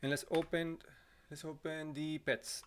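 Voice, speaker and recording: A man in his thirties from Costa Rica, Spanish-accented, livestreams a coding walkthrough from a small home room through a boom mic on an arm. His pitch barely moves and he's unhurried, typing as he talks, apologizing and fixing his own slips with a slightly scratchy throat.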